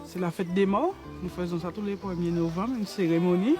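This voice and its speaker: A woman's voice: on the low side, a little fast, over music. A woman from Guadeloupe speaking with emotion in a documentary interview. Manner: emotional, heartfelt.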